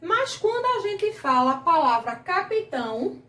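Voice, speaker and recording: A woman's voice: very high voice, very animated, measured pace, bright, forceful tone, reverberant, recorded from a distance. A woman teaching a grammar lesson to children, patient and questioning, stretching out key words, with a Brazilian Portuguese accent. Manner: patient, asks the class questions, drags out words.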